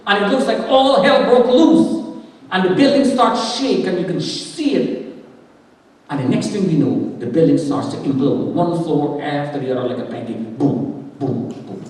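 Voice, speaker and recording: A man serving as guest speaker gives a dramatic testimony sermon in a church sanctuary, acting out the words of the people in his story. His voice is on the high side, expressive, at normal speed with a darkish tone. It's recorded from far off in the echoey church hall.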